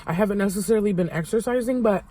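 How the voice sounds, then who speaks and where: A young adult woman talking to camera in a confessional vlog, halting and vulnerable, with many fillers and restarts. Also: mid-range voice, warm tone. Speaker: vlogger.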